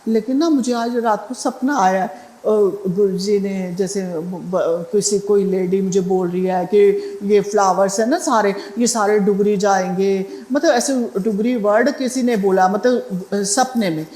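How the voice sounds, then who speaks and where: A woman's voice: medium pitch, unhurried, dark tone, echoey room. A middle-aged woman sharing a devotional testimony in a conversational way, with fillers and restarts. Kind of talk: spoken satsang testimony.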